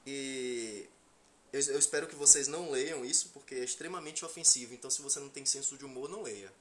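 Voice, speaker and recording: A man's voice: medium pitch, quick pace, fairly bright tone, a little hiss or hum. A man with a Brazilian Portuguese accent from Salvador in Bahia, chatting casually on a comedic podcast, joking in heavy slang and swearing freely. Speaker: podcast host.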